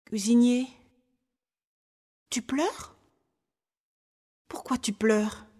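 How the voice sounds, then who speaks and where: A woman's voice: fairly high pitch, very slow, voice pushed up. A woman voicing a trusting, eager little peasant boy in a storybook reading. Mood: worried. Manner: bright, chattering, innocent. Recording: long hall reverb.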